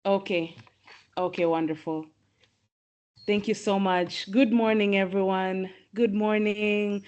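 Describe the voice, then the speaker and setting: A woman from Tanzania hosting and moderating an online webinar, speaking in a measured, welcoming way with some fillers. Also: mid-range voice, steady tone, a little mellow, muffled recording. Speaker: host and moderator.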